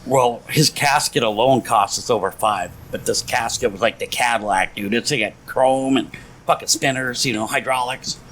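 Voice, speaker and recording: A podcast co-host with a medium-pitched, slightly bright voice tells stories at normal speed in a casual drinking-podcast chat, swearing heavily and laughing a lot. The audio is poor, with a little hiss or hum.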